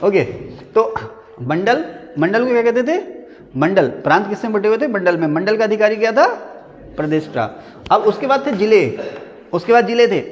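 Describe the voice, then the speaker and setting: A high-pitched man lectures on history to a class, asking a question and answering it himself as he goes. He chats and jokes with the students between points. His voice rings with a long reverb in the room. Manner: repeats key answers as quiz-style questions. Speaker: history teacher at a coaching academy.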